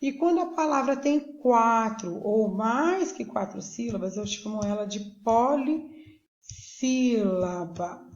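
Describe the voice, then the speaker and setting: A woman teacher with a Brazilian Portuguese accent gives a recorded lesson for young pupils, explaining slowly and patiently and often checking that they follow. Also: fairly high pitch, animated. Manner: slow, patient, checks in with "tá joia?". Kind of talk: recorded remote school lesson. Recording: echoey room, dull lo-fi sound.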